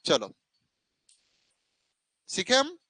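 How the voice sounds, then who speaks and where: A male coaching teacher leads a math lesson for a classroom of students plus online viewers, drawing out his words in a pushed, bright voice. He's stern and scolding, addresses students as "beta," and keeps asking "hai na?" The recording is low quality with no echo.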